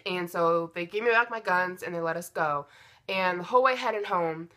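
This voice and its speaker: A woman's voice: lowish voice, moderate pace, fairly bright tone. A young American woman telling a personal story in a casual, blunt, chatty way, acting out bits of dialogue as she goes. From United States. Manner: informal and blunt, retells dialogue with "like" and swearing.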